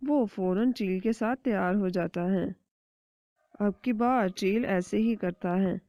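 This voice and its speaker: A woman narrating a children's cartoon story in a steady storytelling manner. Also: medium pitch, no room sound. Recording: dull dry lo-fi recording.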